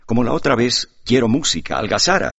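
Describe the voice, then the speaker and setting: Man doing a jealous excitable young nobleman, husky, yelling in breathless bursts, muffled lo-fi audiobook. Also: medium pitch, brisk, pitched above the performer's own voice, heavily acted. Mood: effusive.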